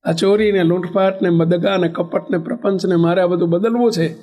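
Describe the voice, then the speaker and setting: A man's voice: sits high, fairly even intonation, normal speed, dark tone, close to an everyday voice. A man, a monk, voicing a repentant middle-aged sinner in a sermon story, earnest and confessing.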